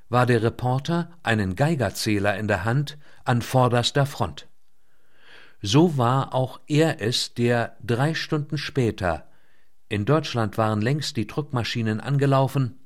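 A man reading a novel aloud in a measured, scripted way, slowing down on key words. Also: medium pitch. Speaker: audiobook narrator. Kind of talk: scripted narration.

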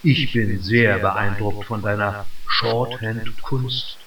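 A man voicing a gruff older colonial gentleman. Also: lowish voice, fairly even intonation, slow pace, far from the mic, pitched below the performer's own voice. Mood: encouraging. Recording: dull roomy radio recording from afar.

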